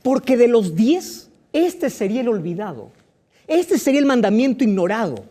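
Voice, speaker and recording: Male preacher, expressive, sweeping delivery, quizzes the listener and plays out objections. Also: moderate pace. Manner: rhetorical questions to the listener, voicing imagined objections; lively, dramatic swings in pitch and loudness. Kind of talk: sermon.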